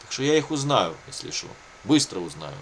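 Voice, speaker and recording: A Russian-speaking video blogger talks casually and off the cuff to his viewers about his own situation, rambling, repeating himself and leaning on colloquial catchphrases. His medium-pitched voice swings widely in pitch, moves briskly, carries vocal fry and a slightly bright tone. The rough recording has a faint hiss or hum.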